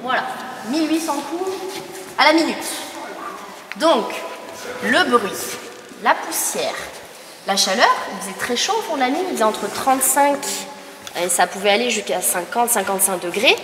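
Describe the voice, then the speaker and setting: Recorded from afar by a camera following a group tour, a woman with a cold sounds tired as she explains exhibits in an echoey, noisy mining museum hall and quizzes the visitors. She speaks at normal speed with a fairly high pitch, lively intonation and long pauses.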